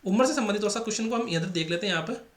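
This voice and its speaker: A man with a Rajasthani Hindi accent teaches an exam-prep math class at a very fast clip in a high-pitched voice. He's repetitive, restating each step and hammering points home with rhetorical questions, and the room sounds echoey.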